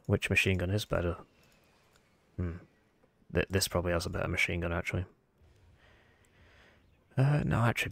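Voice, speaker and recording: A man with a croaky, froggy voice, sounding unwell, giving casual game commentary as he thinks aloud. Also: low-pitched, no echo. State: under the weather, sick voice. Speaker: gaming video host.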